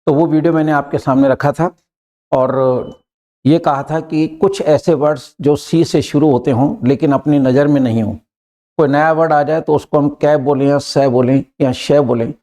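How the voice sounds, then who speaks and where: Male language teacher, slightly high, mellow voice, patient and repetitive explainer. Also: steady tone, normal speed. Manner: patient, repeats key points, checks in with "clear?" and "right?". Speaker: English pronunciation teacher. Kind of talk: explanatory lesson mixing Hindi and English.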